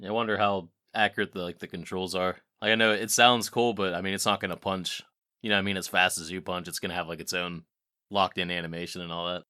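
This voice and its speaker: A man's voice: deep voice, steady tone, sharp tone, clear, resonant tone, dry recording, studio quality. A man co-hosting a casual gaming podcast, making jokes and laughing often. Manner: joking, quick to laugh. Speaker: podcast co-host.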